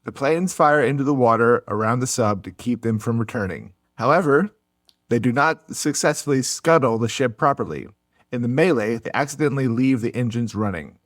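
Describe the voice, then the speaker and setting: A man's voice: mid-range voice, expressive, moderate pace, no room sound, clean studio sound. Laughing man narrating a history story. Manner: laughs often, jokey asides. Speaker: podcast co-host, storyteller.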